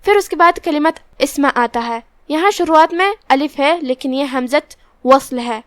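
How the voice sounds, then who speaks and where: A woman teaching the rules of Quran recitation, explaining each letter step by step and then reciting slowly and drawn out. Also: sits high, no room sound. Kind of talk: tajweed lesson with slow recitation.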